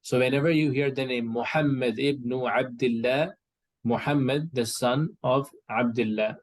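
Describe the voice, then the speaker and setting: A patient man leads an Arabic class, quizzing students and explaining vocabulary slowly. He talks in a mid-pitched, everyday voice, pausing often with fillers. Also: steady tone, poor audio. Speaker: Arabic teacher. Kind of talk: online class lesson.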